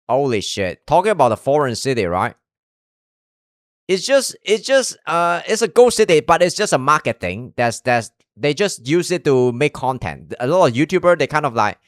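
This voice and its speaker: Streaming his reaction to a video, a young man from Malaysia rambles in Malaysian-accented English, swearing often and restarting his sentences. His mid-range voice comes through at studio quality with no echo.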